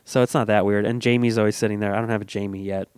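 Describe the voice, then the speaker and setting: A man hosting a casual podcast at his home, relaxed and easygoing, often giving short replies. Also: lowish voice, rapid-fire, clean tone, dry recording, studio quality. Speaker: podcast host. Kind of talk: casual chat.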